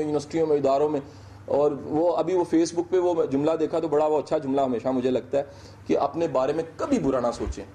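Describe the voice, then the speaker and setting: Animated man giving a motivational talk. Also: fairly high pitch. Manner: animated, conversational, acts out little dialogues. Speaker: motivational speaker. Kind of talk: motivational lecture.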